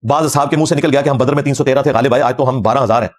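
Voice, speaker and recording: A man's voice: medium pitch, very fast. A middle-aged man giving a combative religious lecture as a scholar, fervent and quoting Arabic verses.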